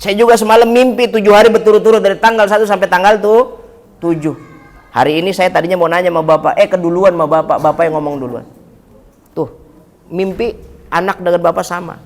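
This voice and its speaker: Joking preacher with a high voice. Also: male voice, fairly even intonation, fairly quick. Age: 40s. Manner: joking, talks straight to the congregation. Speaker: Islamic preacher. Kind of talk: humorous mosque sermon. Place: mosque.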